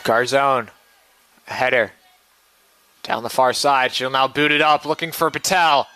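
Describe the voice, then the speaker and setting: A man's voice: mid-range voice, measured pace, bright, forceful tone, slight background noise. A man calling live soccer play-by-play in clipped, running phrases. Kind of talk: live sports commentary.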